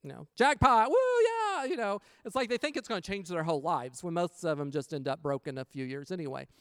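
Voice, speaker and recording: Animated man telling a story, clear voice. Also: on the high side, fast talker, no room sound, clean studio sound. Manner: animated storyteller, acts out quotes. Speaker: preacher sharing a testimony. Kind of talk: casual storytelling sermon.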